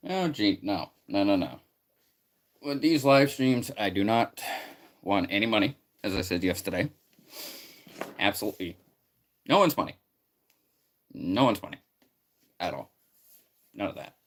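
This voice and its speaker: A man chatting casually on a live stream, rambling and excitable, greeting viewers loudly. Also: lowish voice, moderate pace, long pauses.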